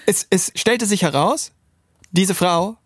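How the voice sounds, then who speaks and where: A man's voice: sits high, slow, slightly rough, no echo, clean studio sound. A young man animatedly telling a personal story as a guest, acting out the dialogue in raised voices.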